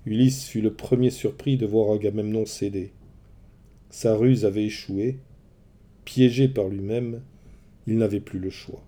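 A man narrating a storybook in a calm, even storytelling manner. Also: on the low side, measured pace, long pauses.

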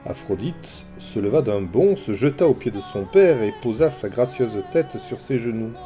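A man reads a storybook aloud with an expressive, animated delivery. His tone is warm and mellow, and his pitch moves a lot. Faint music runs behind him. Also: moderate pace. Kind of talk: storybook narration.

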